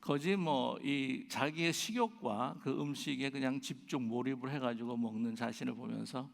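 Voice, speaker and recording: A man's voice: mid-range voice, moderate pace, vocal fry. A male pastor telling a story in a conversational sermon, with many fillers and now and then acting out the people he quotes. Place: large church sanctuary. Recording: church livestream with long reverb and faint music.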